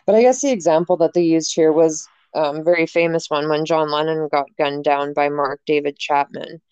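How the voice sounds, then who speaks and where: A woman's voice: low voice, fairly even intonation, moderate pace, darkish tone, clear, resonant tone, no room sound, muffled recording. A young woman hosting a casual podcast, frank and jokey, swearing freely as she talks. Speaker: podcast host.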